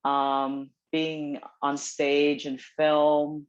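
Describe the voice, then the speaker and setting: Speaking very slowly in a low, monotone voice, a playwright in her forties joins a casual interview from home. Born in South Korea and raised in New Jersey, she fills her talk with ums and pokes fun at herself. A dog barks nearby, and the call audio is dull and lo-fi.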